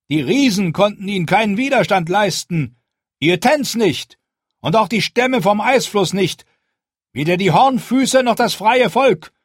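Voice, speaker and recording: A man voicing a stern young male commander who gives a forceful, rallying speech in an audiobook. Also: sits high, no room sound, studio quality, pitched above the performer's own voice. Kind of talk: audiobook character voice.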